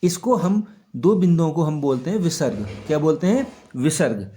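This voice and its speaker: Man, teacher, children's grammar lesson, patient step-by-step explaining, fairly high pitch, warm tone, asks and answers his own questions. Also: animated, normal speed.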